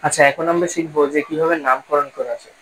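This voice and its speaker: A man's voice: on the high side, steady tone, fast talker, a bit bright, a little hiss or hum, low-quality recording. A man teaches a chemistry lesson step by step, posing questions and then answering them himself. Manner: explaining step by step, asks and answers own questions. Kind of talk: classroom-style lesson.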